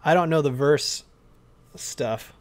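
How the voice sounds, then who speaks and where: A man with a hoarse voice chatting casually on a live stream, rambling and reading chat aloud. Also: on the high side, slow pace.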